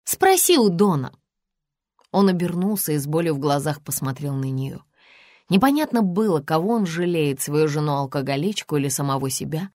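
A woman narrating an audiobook in an even, measured reading. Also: low voice, dry recording, studio quality. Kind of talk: scripted narration.

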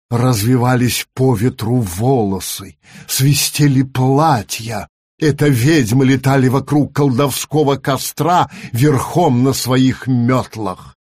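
A man narrating a storybook in a measured, storytelling manner. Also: mid-range voice, darkish tone, breathy edge, no echo, studio quality. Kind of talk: storybook reading.

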